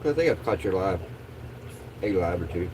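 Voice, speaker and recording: A man's voice: sits low, animated, moderate pace, noisy background. A man chatting casually as a livestream host in a laid-back, rambling stoner drawl.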